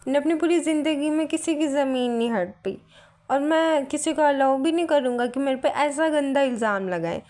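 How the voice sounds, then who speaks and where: A woman's voice: high voice, normal speed, a little mellow, lightly acted. A woman voicing a quarrelsome, hypochondriac young male landowner who insists and protests. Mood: indignant. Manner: indignant, insistent retelling in Hindi-English mix.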